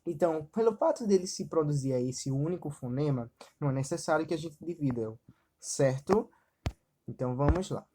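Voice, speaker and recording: A woman teaching a slide-based Spanish lesson, explaining step by step, often checking in with quick questions, and saying example words slowly with stress. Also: deep voice, animated, dark tone. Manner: explanatory, frequently checks in with "certo?" and "ok?".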